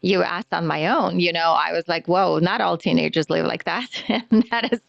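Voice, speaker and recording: A middle-aged woman from Eastern Europe with a low, gravelly voice, speaking as a guest on an interview podcast. She tells her story in a relaxed, chatty way and laughs easily. The sound is dry and a little dull. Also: normal speed, no echo. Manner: warm storytelling, laughs often. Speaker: podcast guest, business coach. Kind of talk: casual interview conversation.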